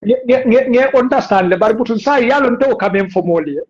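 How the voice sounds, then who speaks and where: A man's voice: extremely high pitch, lively intonation, quick pace, darkish tone. A man with a West African accent joining a casual political chat as a guest. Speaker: guest on a live stream. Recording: dull, lo-fi call audio.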